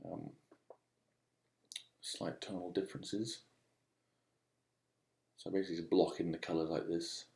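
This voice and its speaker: A man giving a casual, unscripted voice-over demo as a digital artist, speaking in a halting, musing way. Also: low-pitched, level tone, creaky, darkish tone, roomy sound. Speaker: digital artist demonstrating own work.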